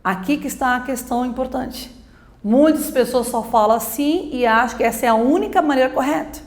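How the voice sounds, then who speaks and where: A woman teacher explains grammar step by step, putting questions and then answering them herself. Her voice sits fairly high. The room is echoey. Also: a little fast. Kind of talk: grammar lesson for exam prep.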